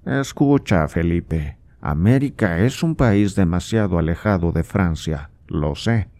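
A man puts on a sarcastic old aristocrat in an audiobook, a father who scolds and needles his grown son. The voice sits very low, slow and dark, mocking and impatient. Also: expressive. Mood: scornful. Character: scornful old male nobleman, impatient father. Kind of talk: audiobook character voice.

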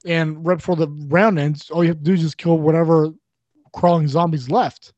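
Young man, casual game chat, rambling, swearing, slightly high voice, dull dry recording. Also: fairly even intonation, moderate pace, a little mellow, no room sound. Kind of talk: casual chat about video games.

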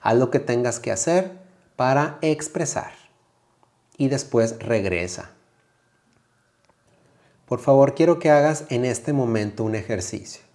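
A man with a Mexican Spanish accent, a yoga teacher hosting a motivational podcast, speaking calmly and reflectively straight to the listener. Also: medium pitch, unhurried, pauses often.

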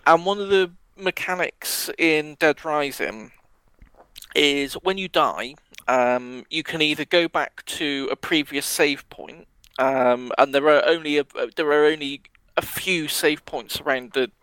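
Casting: male podcast co-host, rambling and hesitant, fairly high voice. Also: measured pace, bright, forceful tone, clear, resonant tone, dry recording, poor audio. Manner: rambling, hesitant, many ums and restarts. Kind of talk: casual chat about video games.

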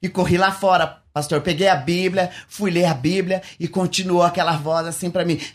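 A man's voice: sits high, moderate pace. A man from Paraná, Brazil, telling his conversion testimony with feeling and acting out what people said. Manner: animated storyteller, acts out quotes in shifting voices. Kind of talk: emotional testimony.

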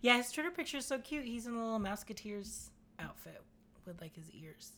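A bubbly, playful woman co-hosts a casual podcast. Her voice sits a touch high and bounces around lively. She giggles often. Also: fairly quick, slight background noise. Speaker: podcast co-host. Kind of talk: casual chat.

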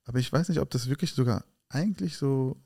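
A man talks fast and keeps acting out everyone's lines as he retells what happened. His voice is dark and mellow, and the recording is close and dry. It sounds like a casual podcast chat. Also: mid-range voice, vocal fry, no room sound. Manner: animated retelling that acts out quoted dialogue. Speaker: podcast co-host. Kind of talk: casual conversation and storytelling.

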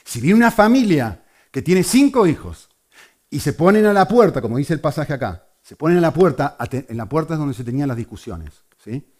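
Lively man preaching a sermon. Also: on the high side, a little fast. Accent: Argentine Spanish. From Argentina. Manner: animated, asks the audience questions.

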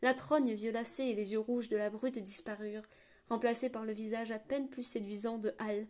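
A woman narrating a fantasy audiobook in a measured, soft storytelling manner. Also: fairly high pitch, steady tone.

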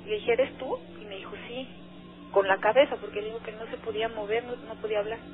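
A woman's voice: on the high side, fairly even intonation, fast talker. Mexican woman caller on a tinny line. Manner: hesitant, earnest, many filler words. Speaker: radio caller. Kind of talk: phone-in conversation. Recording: tinny phone line, faint music.

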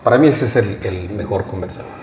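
A man co-hosting a casual talk show, calm and agreeable. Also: lowish voice, fast. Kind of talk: casual chat. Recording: echoey room.

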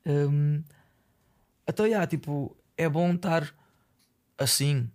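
A man's voice: fairly high pitch, takes it slowly, a little mellow. A young man with a European Portuguese accent talks into a close microphone in a casual solo podcast, rambling, swearing often and mixing in English fillers. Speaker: podcast host.

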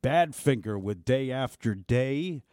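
A man working as a radio DJ, casually announcing songs in a halting, rambling way. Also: medium pitch, expressive, darkish tone, clear, resonant tone, no room sound, studio quality. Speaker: radio music DJ. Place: radio studio.

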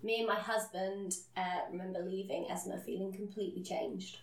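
A woman's voice: medium pitch, fairly even intonation, moderate pace. Woman telling a story in a roomy room. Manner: earnest, self-deprecating, laughs at herself. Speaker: podcast co-host. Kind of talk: casual conversational storytelling. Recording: roomy, a bit distant from the mic.

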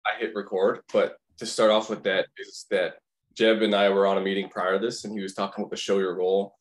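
Low-voiced, halting male podcast co-host. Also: flat delivery. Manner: halting, restarts phrases. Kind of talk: casual podcast chat.

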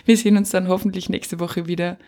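A woman's voice: lowish voice, flat delivery, fast, dark tone. A woman co-hosting a casual podcast, rambling and hesitant, with frequent giggles. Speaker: podcast co-host.

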